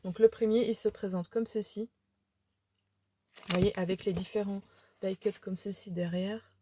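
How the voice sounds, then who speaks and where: Tired woman vlogger, warm mellow tone, chatty with fillers, faint background noise. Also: mid-range voice, fairly even intonation, normal speed. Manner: chatty, many fillers and restarts, laughs at herself. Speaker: craft vlogger showing a shopping haul. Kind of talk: casual haul vlog. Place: home room by a window.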